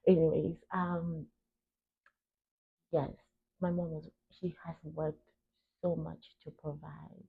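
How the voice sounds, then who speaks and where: A young adult woman from Cameroon hosts a podcast, speaking reflectively and earnestly about personal matters. Her low, gravelly voice has a flat delivery as she stresses points and pauses between short phrases, and the recording sounds tinny and narrow, like a phone line.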